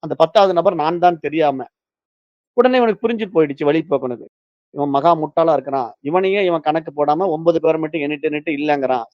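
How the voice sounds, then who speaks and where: A man's voice: a little high, quick pace, dry recording, highs cut off. A man teaching a recorded philosophy lesson as a spiritual teacher, explaining points through a story with acted quotes.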